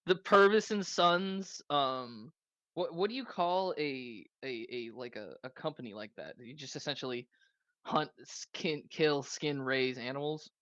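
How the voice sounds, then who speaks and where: A man playing a tabletop role-playing game, asking rambling, excitable questions in casual chat. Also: medium pitch, a little slow, no echo, muffled recording. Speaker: player.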